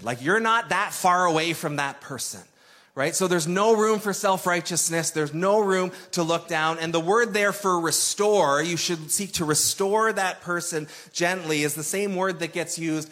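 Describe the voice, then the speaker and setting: Guy preaching, chatty but emphatic, voice on the higher side, repeats lines for punch. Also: fairly bright tone. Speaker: pastor. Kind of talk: sermon.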